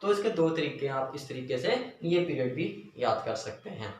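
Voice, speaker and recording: A man teaching a lesson. He repeats memory phrases slowly and drills them. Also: mid-range voice, big pitch swings. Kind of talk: classroom lesson with memory tricks. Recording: very echoey room, voice from a distance, faint noise.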